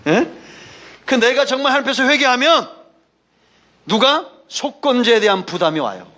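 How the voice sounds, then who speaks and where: A man's voice: very high-pitched, sing-song, fairly quick, sharp tone. A man preaching a Sunday sermon as pastor, emphatic and folksy, calling for responses from the congregation between anecdotes. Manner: folksy, mixes asides and anecdotes.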